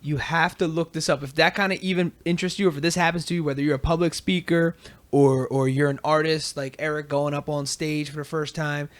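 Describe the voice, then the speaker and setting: A man's voice: on the high side, brisk. A man hosting a podcast in casual chat, telling stories with energy and acting out quotes. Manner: animated storyteller, acts out quotes. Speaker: podcast host.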